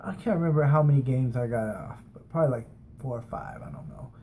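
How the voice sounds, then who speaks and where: Here a quick-talking American man in his thirties, from San Francisco and Las Vegas, rambles casually through personal stories like a vlogger. His mid-range voice is mellow. The desk-distance webcam or camera in his small bedroom picks up a little hiss or hum.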